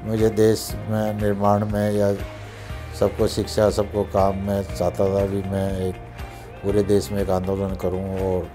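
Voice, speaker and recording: A man's voice: on the low side, completely flat delivery, over music. Older man telling his life story. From Haryana, India. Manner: unhurried, reflective storytelling with pauses. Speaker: businessman interviewee. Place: office with shelves of awards, indoors. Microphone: lapel.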